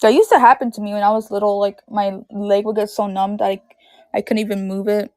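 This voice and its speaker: Rambling on a casual live stream from her bedroom, a woman in her thirties keeps dropping "like" into her chatter. She talks fairly quickly at a medium pitch with a darkish tone and fairly even intonation. The audio is studio quality, free of echo.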